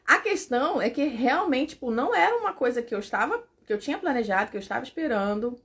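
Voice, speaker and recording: A young adult woman telling a personal story in a vlog, emotional and animated, with lots of fillers. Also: sits high. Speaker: vlogger.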